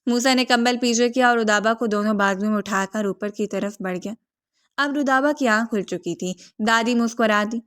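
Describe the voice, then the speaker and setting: A woman reading a romantic novel aloud in scripted narration, with steady storytelling. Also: a little high.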